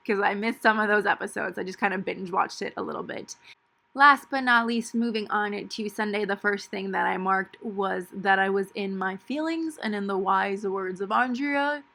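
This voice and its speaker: Bright, creaky young woman chatting casually. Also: medium pitch, normal speed. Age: young adult. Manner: chatty, filler-heavy with lots of "like". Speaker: planner vlogger. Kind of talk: casual voice-over chat.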